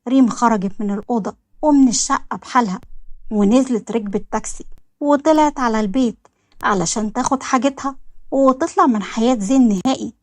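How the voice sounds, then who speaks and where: A woman with an Egyptian accent narrates a romance story. Her voice is fairly high, and she reads in a plain, steady way. The recording is close and dry. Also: quick pace, no room sound.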